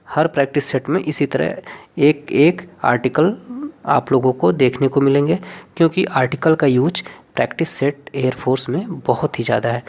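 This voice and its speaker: A woman with a fairly low voice teaching an online English class. She walks through grammar rules step by step, spells words out letter by letter and keeps checking that her students follow. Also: darkish tone. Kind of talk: online exam-prep lesson.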